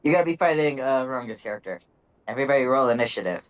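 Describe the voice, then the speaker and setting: A man's voice: medium pitch, lively intonation, rapid-fire. A man running a tabletop fantasy game, moving between descriptive narration and casual talk with players. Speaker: game master.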